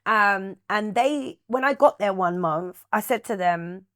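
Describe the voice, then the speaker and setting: A woman's voice: mid-range voice, fairly bright tone, dry recording, studio quality. A woman, talking frankly as an interview guest about her past. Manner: frank, reflective storytelling with quick asides. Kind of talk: candid interview conversation.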